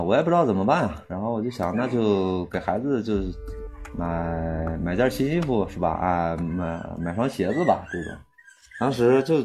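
A man in his thirties, a volunteer aid worker, telling a personal story in casual speech, halting and full of restarts, growing heated when angry. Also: low voice, darkish tone. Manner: halting, many restarts and fillers, rising heat when angry.

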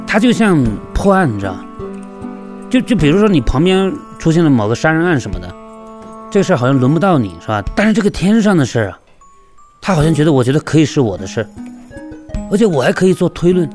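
A man from Yunnan, a local merchant, telling his own story in a lively, chatty way and acting out the dialogue. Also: a little high, quick pace, faint music behind. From Yunnan, China. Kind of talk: storytelling interview.

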